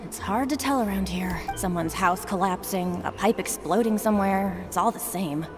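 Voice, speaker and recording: Female anime game townsperson acted by a woman: mid-pitched, guarded, streetwise, cagey, with loud music behind. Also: moderate pace, close to an everyday voice. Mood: wary. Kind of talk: anime game dub voice acting.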